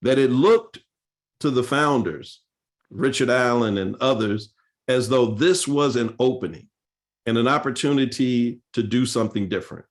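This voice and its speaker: A man's voice: mid-range voice, normal speed. A male pastor speaking at a seminar, telling church history in an earnest, storytelling way with frequent fillers and restarts.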